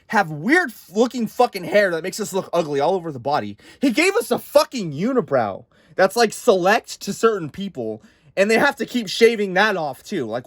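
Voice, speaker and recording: A man's voice: on the high side, no room sound, studio quality. A man delivering a profane, exasperated comedic rant, talking in a rambling way. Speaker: comedic vlogger.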